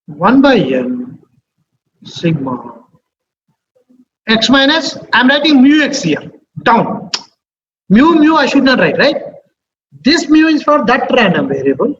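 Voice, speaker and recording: Male maths teacher, Telugu Indian accent, strikingly high pitch, repetitive questioning classroom delivery, reverberant room. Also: sing-song, unhurried, a bit bright. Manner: repeats phrases and checks in with questions. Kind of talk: live classroom maths lecture. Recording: echoey room, dull sound, faint noise.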